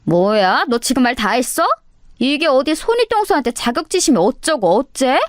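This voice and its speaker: A snobbish middle-aged sister-in-law with a high, sneering, sarcastic voice, put on by a woman storyteller. She sounds dry and up close, as in a storybook reading. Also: big pitch swings, normal speed, no room sound. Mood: indignant.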